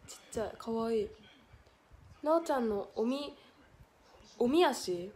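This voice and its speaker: Young female idol, Hiroshima accent, slightly high voice, chatty and giggly, talking to viewers from home. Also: lively intonation, measured pace, darkish tone. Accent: Hiroshima Japanese. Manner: chatty, reads viewer comments aloud, giggly. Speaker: idol livestreamer. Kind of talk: casual livestream chat.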